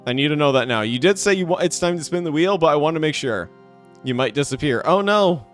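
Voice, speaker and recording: A man's voice: a little high, animated, fast talker, a bit bright, soft background music. A man live-streaming a game, chatting casually and animatedly with his viewers and laughing often.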